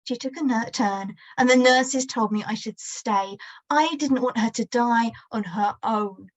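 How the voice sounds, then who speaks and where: An exhausted, tearful mother shouts back at her husband, raw and strained, voiced by a woman reading her story. Her voice sits high and the words come slowly and heavily. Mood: distraught. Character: distraught exhausted mother, middle-aged woman. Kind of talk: audiobook-style story reading.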